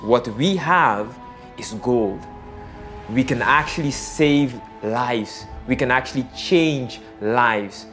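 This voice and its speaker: A man, telling his personal faith story in a reflective, halting way with many fillers. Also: mid-range voice, a bit bright. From Netherlands. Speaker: missionary. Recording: faint music underneath.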